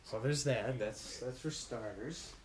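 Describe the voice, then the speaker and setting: A man's voice: mid-range voice, unhurried, a little hiss or hum. A man hosting a live stream, chatting casually and straight to his viewers, rambling and often correcting himself mid-sentence. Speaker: livestream host.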